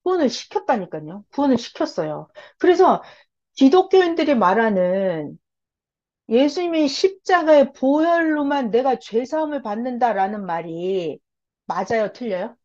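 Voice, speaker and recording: A woman's voice: on the high side, big pitch swings, moderate pace, a little mellow. A woman giving a Bible lecture in sermon style, firing rhetorical questions and answering them herself with emphatic repetition. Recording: dull lo-fi recording.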